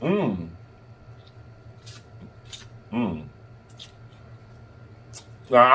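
A man with a husky voice, chatting casually and emphatically as he eats crunchy fried chicken, often pausing and humming between bites. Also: mid-range voice, a bit bright. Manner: eating crunchy fried chicken while talking, with pauses and mm-hums; sassy, emphatic, repeats phrases for emphasis. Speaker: mukbang host. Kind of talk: casual chat while eating. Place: indoors in front of a green backdrop at a table of food.

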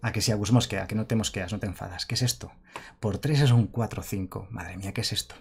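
Chatty low-voiced man streaming a card game. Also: fast talker, creaky, darkish tone. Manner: chatty, reads chat aloud and thanks followers. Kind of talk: live card game commentary.

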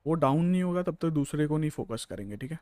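A man's voice: fairly high pitch, animated, fast talker, noisy background. A man in character as a gang leader in a role-play game, aggressive and barking orders.

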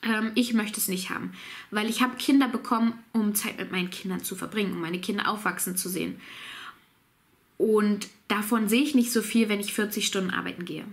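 Answering viewers' questions to camera, a thirtysomething woman with a cold talks briskly in a medium-pitched voice from her small home office. Her manner is relaxed and chatty; she reads out each question and laughs readily.

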